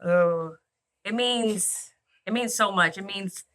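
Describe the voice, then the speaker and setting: A woman from Arkansas, a bakery owner, chatting as a guest in a casual interview, upbeat and quick to laugh. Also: mid-range voice, a bit bright. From Arkansas, USA.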